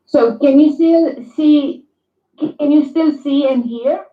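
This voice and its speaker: Woman on a crackly bad connection, sounds tinny like a phone, kinda roomy echo, keeps stopping and restarting. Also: high voice. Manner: halting, hesitant, many fillers and restarts. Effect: bad video-call connection, tinny and echoey. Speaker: caller on a video call. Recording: tinny echoey video-call audio.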